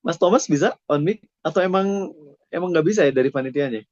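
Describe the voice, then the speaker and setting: A male preacher delivers a relaxed, conversational sermon, addressing his listeners as friends and dropping in English phrases. His voice sits somewhat high. The recording is dry and dull, with a lo-fi edge. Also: fast, no room sound. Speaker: Islamic preacher (ustaz). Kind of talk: casual sermon to a student audience.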